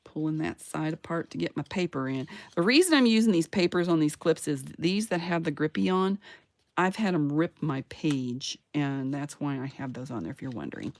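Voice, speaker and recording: Woman craft vlogger, low voice with a gravelly edge, chatty and playful, talks viewers through each step. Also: lively intonation, normal speed, no echo. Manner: chatty, talks to herself while working; playful sound words and self-cheering. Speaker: craft channel host. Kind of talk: casual crafting tutorial.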